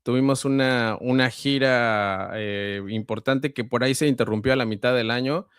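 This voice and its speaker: Male voice-over guest with a central Mexican accent, mid-pitched, dry close sound, measured and explanatory. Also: a bit bright, clear, resonant tone, dry recording. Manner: measured, explanatory, frequent hesitations. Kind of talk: conversational interview answers.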